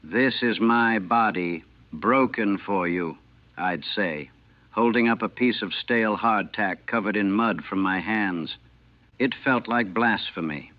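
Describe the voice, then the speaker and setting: A man, a former army chaplain from the United States, recalling the war in a grave, measured and haunted way, heard on an old archival recording. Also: on the low side, no echo. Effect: old archival recording, narrow and tinny. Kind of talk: solemn first-person recollection. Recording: tinny, dry, lo-fi old recording.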